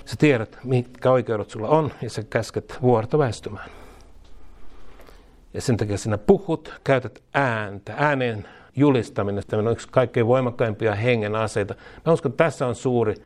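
A man preaching a charismatic sermon, moving from conversational asides to loud, repeated declarations and spoken prayer. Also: medium pitch.

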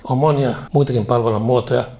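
A man's voice: medium pitch, fairly even intonation, dark tone. A man preaching a sermon, leading a spoken prayer that he repeats line by line, with fervent delivery and casual asides.

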